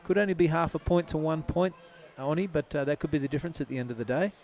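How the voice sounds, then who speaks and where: A man's voice: on the high side, fast talker, a little mellow. A man giving live surf contest commentary in a laid-back, casual surfer announcer manner.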